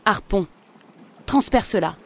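A woman voicing a brave, wary young male hunter in a told legend, speaking firmly and forcefully. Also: medium pitch, expressive, normal speed, noisy background, lightly acted. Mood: defiant.

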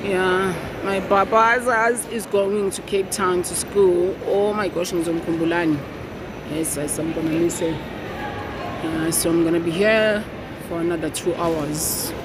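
Slow, chatty woman vlogger. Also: on the low side, fairly even intonation. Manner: chatty, keeps saying "guys". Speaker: lifestyle vlogger. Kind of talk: casual vlog. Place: airport terminal, then home kitchen. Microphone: phone at arm's length. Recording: phone video with crowd and background noise.

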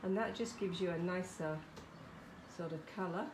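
At normal speed, in a darkish voice on the low side, a middle-aged woman runs a children's art workshop, demonstrating casually while staying chatty, encouraging and quick to check in. She works from a small conservatory-style home studio. A camera or phone placed a short distance away yields roomy, distant sound with some background noise.

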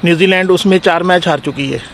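A man's voice: sits high, fast, a little hiss or hum. A man in his thirties at outdoor cricket nets, confidently explaining his views into a handheld reporter mic. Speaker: cricket fan. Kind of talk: street interview.

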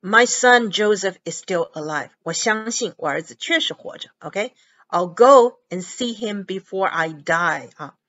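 A woman teaching English through a Bible chapter, reading verses and explaining words, repeating them slowly. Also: mid-range voice, lively intonation, a bit bright. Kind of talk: bilingual Bible lesson. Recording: dull lo-fi audio.

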